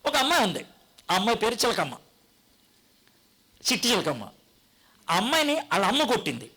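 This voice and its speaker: A man's voice: high voice, fairly quick, slightly rough. A man preaching a sermon, telling stories and acting out the people in them. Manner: animated storytelling, acts out quoted voices. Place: church gathering.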